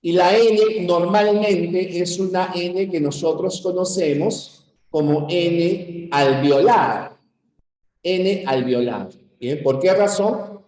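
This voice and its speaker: A man's voice: sits high, takes it slowly, darkish tone. Man lecturing in an echoey room. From Peru. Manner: explains step by step, asks the class questions to check they follow. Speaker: teacher. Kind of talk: university-prep lecture.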